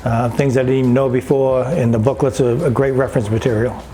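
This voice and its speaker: An older man from New Hampshire gives a brisk, matter-of-fact testimonial. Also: medium pitch, flat delivery, warm tone. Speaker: detailing student. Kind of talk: testimonial interview. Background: faint music.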